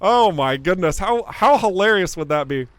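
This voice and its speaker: A man's voice: high-pitched, expressive, moderate pace, a bit bright, dry recording. A young man, a game developer, giving playful live-stream commentary while playing, chatting with viewers and laughing often.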